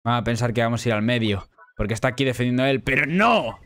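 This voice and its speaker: A young man from Spain giving excitable live gameplay commentary, swinging between low muttering and sudden shouts. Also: quick pace. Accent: Spain Spanish. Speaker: gaming YouTuber.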